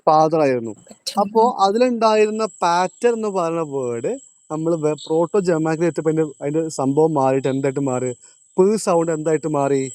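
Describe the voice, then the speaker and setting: A man teaches a classroom lesson in a high voice. He quizzes his students and repeats each point, slowing down on the key terms. The sound is dry, with no echo. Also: darkish tone, smooth. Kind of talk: classroom lecture.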